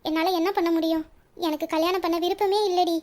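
A woman's voice: very high voice, fairly even intonation, a little fast. A woman voicing a troubled young woman who speaks hesitantly and evasively about her marriage. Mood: pleading. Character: troubled young bride-to-be, secretly in love. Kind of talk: audio story reading.

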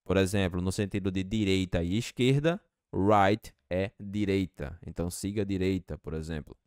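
A man teaching English to Portuguese speakers, slowly repeating each phrase with patience. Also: deep voice, darkish tone, clear, resonant tone, dry recording, studio quality.

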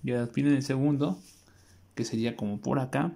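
A man giving a casual drawing tutorial, muttering a relaxed running commentary as he sketches at a desk. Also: mid-range voice, moderate pace, gravelly. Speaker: drawing teacher. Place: indoors at a desk, overhead view of paper.

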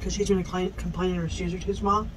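A woman's voice: on the low side, level tone, fast talker, slight background noise, low-quality recording. A woman vlogger chatting candidly over lunch on a work break, talking while chewing with her mouth full. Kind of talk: casual eat-with-me chat.

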